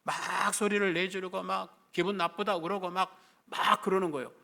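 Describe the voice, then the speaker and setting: Middle-aged male pastor, animated storytelling sermon, bright and slightly high voice. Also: normal speed, creaky. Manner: animated, acts out quoted voices, rises to near-shouting at climaxes.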